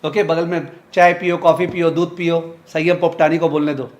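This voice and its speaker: A man's voice: on the high side, little pitch movement, brisk. A man giving a live finance lecture, drilling sums aloud in a repeated rhythm and teasing students by name. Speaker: finance teacher.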